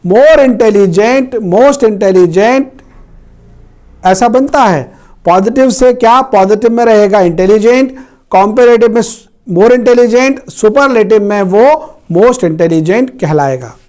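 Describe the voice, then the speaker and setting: Male grammar tutor, high voice, unhurried, drills example words. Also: a little mellow. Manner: slow, repeats words for learners. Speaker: English grammar teacher. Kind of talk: Hindi-language grammar lesson.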